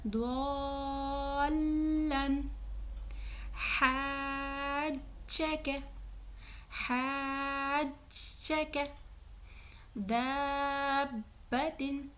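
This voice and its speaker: Woman, high-pitched, Quran recitation teacher, slow repeated words, brisk explanations. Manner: recites each word slowly twice, then explains quickly. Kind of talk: tajweed lesson with slow drilled recitation.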